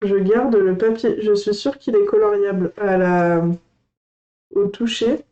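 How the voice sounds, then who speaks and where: A woman hosting a coloring channel, gushing and excitable as she unboxes on a casual livestream and chats to her viewers. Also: medium pitch, a little slow, muffled recording.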